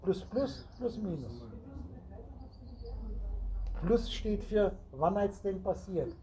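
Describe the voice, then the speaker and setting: A man's voice: sits high, sing-song, takes it slowly, noisy background. A man lecturing a small group as a spiritual teacher, rambling and playing on the roots of words while speaking straight to his listeners. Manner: rambling, wordplay on word roots, addresses listeners directly. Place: meeting room with a small group. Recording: recorded amid a chattering group.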